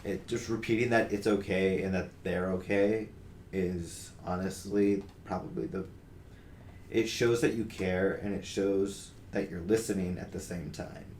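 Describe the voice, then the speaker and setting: A man's voice: low-pitched, steady tone, a little slow, darkish tone. A young man co-hosting a podcast in casual discussion, talking earnestly with many fillers and restarts. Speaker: podcast co-host. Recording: roomy with faint noise.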